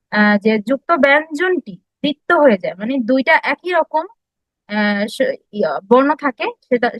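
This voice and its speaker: High-voiced woman lecturing a class. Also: no room sound, poor audio. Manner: explanatory, frequent filler sounds and restarts, asks the audience questions. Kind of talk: classroom lecture on language history.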